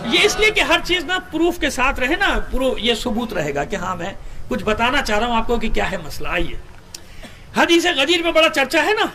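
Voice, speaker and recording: A man with a Pakistani Urdu accent giving a sermon and reading hadith, asking his listeners rhetorical questions and chanting the Arabic slowly. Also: extremely high pitch, big pitch swings, sharp tone, a little hiss or hum. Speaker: Shia cleric.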